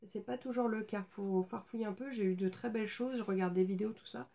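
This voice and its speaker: A woman's voice: medium pitch, fairly even intonation, fast talker, gravelly, mellow. A woman chatting casually as she unboxes and shows makeup at home, talking with many hesitations and fillers. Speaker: beauty vlogger. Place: indoors at home.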